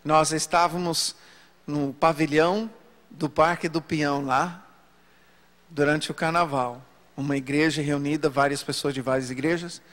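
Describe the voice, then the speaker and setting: A man preacher telling a story from the pulpit in an animated sermon. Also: a little slow. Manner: storytelling, animated pitch swings. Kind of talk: sermon testimony. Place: church hall. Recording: long hall reverb.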